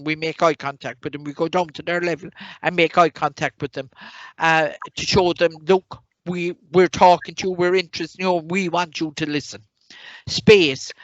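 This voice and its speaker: A woman's voice: lowish voice, a bit bright, dry recording. A middle-aged woman teaching an online class. She reads through her lecture notes and keeps breaking off into rambling personal asides. Her voice comes through a dull, lo-fi and very dry recording. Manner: reads from notes, then adds loose asides with many fillers. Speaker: tutor.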